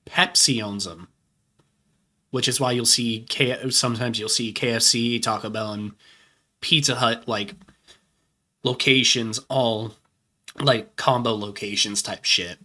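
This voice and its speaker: Slow-talking, bright-voiced casual streamer. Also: medium pitch, steady tone. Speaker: streamer reacting to a video. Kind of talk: casual reaction commentary.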